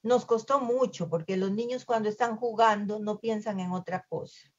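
A woman voicing a calm female dolphin teacher who explains in a measured way. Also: medium pitch, lo-fi sound, close to an everyday voice. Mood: serious.

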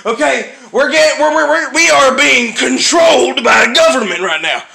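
A man doing a shrill, gravelly, furious paranoid ranter. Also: animated, moderate pace, slight background noise, full character voice. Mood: furious ranting. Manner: yelling, cursing constantly, rambling and losing his words. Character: furious paranoid conspiracy-minded man, foul-mouthed, easily sidetracked. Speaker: comedy skit character. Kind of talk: comedic rant skit.

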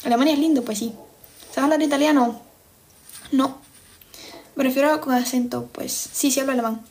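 A woman's voice: high voice, steady tone, normal speed, darkish tone. A young Cuban woman with a Cuban Spanish accent, chatting casually on a livestream and answering viewers' comments. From Cuba. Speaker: livestream host. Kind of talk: casual live-stream chat with viewers.

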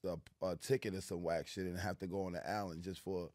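A middle-aged New York man talks in a laid-back street manner, leaning on fillers. His voice sits very low with a dark, mellow tone. The sound is dry and close, from a studio boom mic. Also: steady tone, fairly quick, no room sound. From New York City. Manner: laid-back street talk with many "you know what I'm saying" fillers. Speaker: guest. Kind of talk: casual interview. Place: small studio lounge with plants, indoors. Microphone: studio mic on a boom arm.

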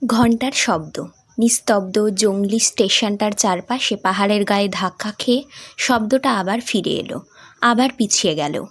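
A woman hosting and narrating a short story in a calm, measured reading. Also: medium pitch. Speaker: storyteller, channel host.

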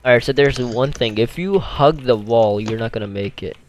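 A young man hosting a gaming video, chatting casually and quietly late at night, close to his desk mic, laughing often. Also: mid-range voice, normal speed, highs cut off. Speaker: gaming channel host.

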